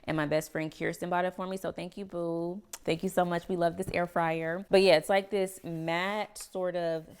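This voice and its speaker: A young woman reviews home products in a relaxed, chatty way, calling her viewers "girl" and "y'all". She sounds slightly out of breath, and her voice is low and smooth with some vocal fry at the ends of phrases. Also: moderate pace. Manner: chatty, says "y'all" and "girl", laughs often. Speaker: home vlogger. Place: home kitchen indoors.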